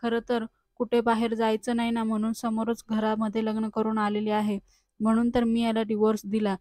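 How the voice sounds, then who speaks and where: A woman's voice: on the high side, monotone, a little fast, mellow, no echo, close to an everyday voice. A quarrelsome young woman hurling accusations and taunts, read out by a woman narrator, her voice staying in a narrow, level band. The recording is dry and close, with no room sound. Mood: defiant. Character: scheming defiant young woman, loud and insulting.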